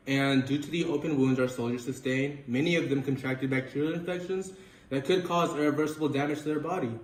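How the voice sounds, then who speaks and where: A man's voice: medium pitch, recorded from a distance, lightly acted. A man playing a formal 1940s medical professor, giving careful scripted answers in a news interview. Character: grateful, formal male 1940s army doctor and professor. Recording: echoey, off-mic room with faint noise.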